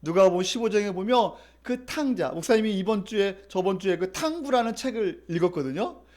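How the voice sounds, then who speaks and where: A man's voice: sits high, animated, a little fast, darkish tone. A man preaching as a pastor, leading the congregation through reading and repeating scripture. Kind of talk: sermon.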